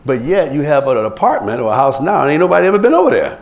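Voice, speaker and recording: A man delivering a sermon as a pastor, his voice swinging widely in pitch as he dramatizes the people in his stories. He moves between talking to the congregation and mimicking them. The delivery stays lively throughout. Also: quick pace, creaky. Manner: preachy, animated, acts out quoted people in rising pitch. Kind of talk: sermon with anecdotes.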